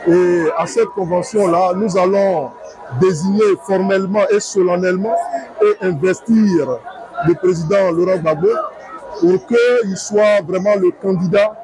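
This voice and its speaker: A middle-aged man chooses formal words and delivers them deliberately. His voice is notably high. A busy crowd hums around the tent. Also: poor audio. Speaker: party supporter. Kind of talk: street interview. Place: outdoor tented rally. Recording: lively crowd noise outdoors.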